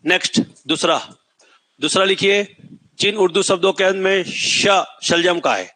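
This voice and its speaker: High, bright-voiced male teacher dictating notes. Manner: repeats key words, asks students if they remember; sings a film line as an example. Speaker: coaching teacher. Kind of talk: classroom lecture, dictating notes.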